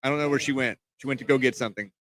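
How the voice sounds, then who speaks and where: A man's voice: mid-range voice, racing, a bit bright. A man co-hosting a casual live stream, mostly with short conversational replies. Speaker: co-host called Captain. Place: outdoors in a beachside parking lot.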